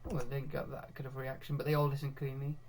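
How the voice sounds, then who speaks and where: A young man commentating live on his own football management game, getting excitable when goals come and laughing at himself. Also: medium pitch, fast talker, creaky. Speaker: gaming video host.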